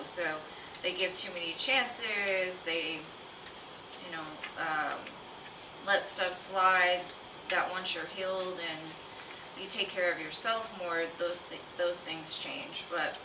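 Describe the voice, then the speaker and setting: A woman talking informally and familiarly to viewers as the host of a live reading stream. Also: on the low side. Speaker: live tarot reader and host. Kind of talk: casual livestream chat. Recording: roomy, distant mic, clear background noise.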